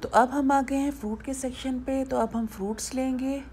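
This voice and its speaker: A high-pitched yet darkish female voice, steady and moderately paced, carries this chatty supermarket walkthrough. She's a food vlogger explaining the shelves to her viewers in a casual voice-over, and a little hiss or hum can be heard.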